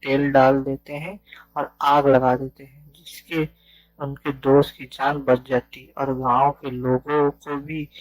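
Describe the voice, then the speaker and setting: A man's voice: medium pitch, level tone, slow pace, no echo, poor audio. A man narrating a village ghost story as a storyteller.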